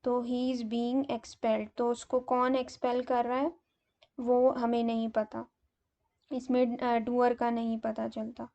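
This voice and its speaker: A woman teacher slowly explaining grammar, pausing often with fillers. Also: fairly high pitch, monotone, mellow, muffled recording. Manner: slow, hesitant explaining with many fillers. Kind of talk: grammar lesson in Urdu mixed with English terms.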